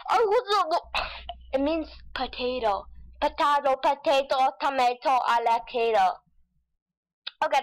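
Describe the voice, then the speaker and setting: A woman giving excitable gameplay commentary, with frustrated outbursts and silly nonsense sounds. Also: fairly high pitch, rough recording. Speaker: gamer. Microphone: desk mic with face cam.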